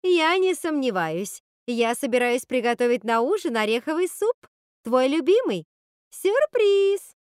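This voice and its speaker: A woman's voice: fairly high pitch, animated, moderate pace, few pauses, darkish tone, dry recording, studio quality, lightly acted. A woman voicing a theatrical witch mother who speaks in a syrupy, sing-song, melodramatic way. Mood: sugary. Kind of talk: audiobook character voice.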